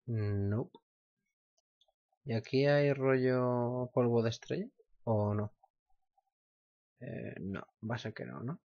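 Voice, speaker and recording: Spanish guy from spain doing a let's play, slow talker, crude jokes, muffled mic. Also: mid-range voice, dry recording. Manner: reads game dialogue aloud, crude jokes. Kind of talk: gameplay commentary. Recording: muffled lo-fi with game music. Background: game music.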